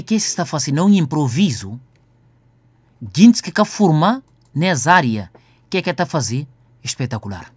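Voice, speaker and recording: A man's voice: a little high, no echo. Man going on and on, earnest radio chat, dry close mic.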